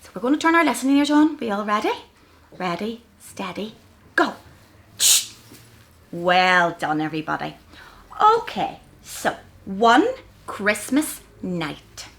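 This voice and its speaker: A woman's voice: mid-range voice, sing-song, measured pace, pauses often, a bit bright. A woman playing a cheery Santa's little helper, talking to small children like an overbright party host in a sing-song way. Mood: bright, encouraging. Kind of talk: children's story-time presenting.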